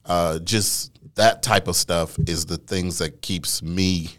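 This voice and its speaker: A man co-hosting a podcast in casual chat, rambling through stories with many restarts and now and then jumping into animated high mimicry. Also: slow pace. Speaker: podcast co-host.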